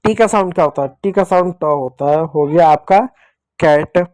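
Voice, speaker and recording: Young male phonics tutor, slightly raised pitch, dry close-miked sound, patient and repetitive. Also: normal speed, a little mellow, no echo. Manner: asks questions and answers them himself, repeats key points. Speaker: English teacher for children. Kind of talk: classroom-style phonics lesson.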